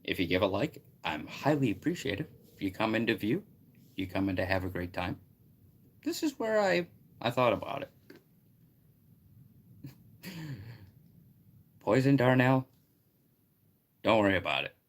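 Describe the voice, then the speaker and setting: Man, very low voice, excitable, rambling live stream chatter. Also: normal speed, long pauses. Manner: excitable, rambling, shouts greetings to viewers. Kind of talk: casual live stream chat.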